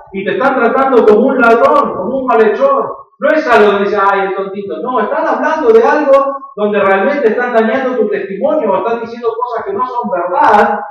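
A pastor with a Rioplatense Spanish accent preaches a sermon earnestly and explains his points, his extremely high, fairly bright voice rising emphatically. The recording is distant and dull, in an echoing hall.

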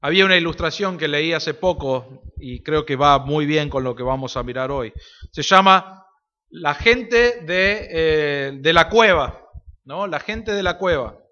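High, bright-voiced preacher. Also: male voice. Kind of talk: sermon with storytelling. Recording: reverberant hall, dull lo-fi sound.

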